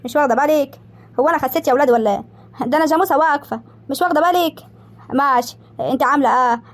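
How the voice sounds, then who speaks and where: A woman performs a brash, plump young village woman from a cartoon comedy, with an Egyptian accent. She teases and complains theatrically, very high, and races through her lines. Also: very fast, lightly acted. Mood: mock offended. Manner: loud, mocking, theatrical complaining. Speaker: cartoon character. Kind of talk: animated comedy voice acting.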